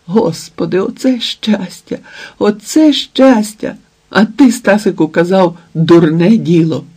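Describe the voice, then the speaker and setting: A man reading an audiobook, voicing an older nanny woman who cries out in high, wailing tones. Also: lively intonation, slow pace, gravelly, mellow, slightly rough, exaggerated voice. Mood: tearful joy. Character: elderly nanny woman, tearful and excitable.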